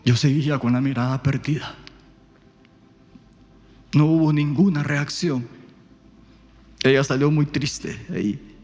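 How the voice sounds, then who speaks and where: A man, a pastor telling a story in a sermon, dropping to a hush and then rising loud. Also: on the high side, a little slow, long pauses, big-room sound, highs cut off. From Guatemala. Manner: storytelling, swings from hushed to loud. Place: church.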